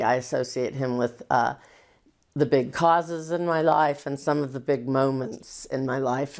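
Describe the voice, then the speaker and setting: Very low-voiced woman reminiscing. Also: creaky. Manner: warm, hesitant storytelling with soft laughs. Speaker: guest. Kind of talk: reminiscing conversation.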